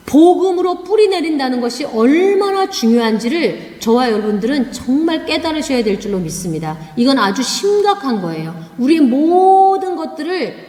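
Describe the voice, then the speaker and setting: A woman's voice: high-pitched, a little mellow. A woman preaching a sermon, emphatic, often asking rhetorical questions. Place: church sanctuary. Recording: echoey church hall.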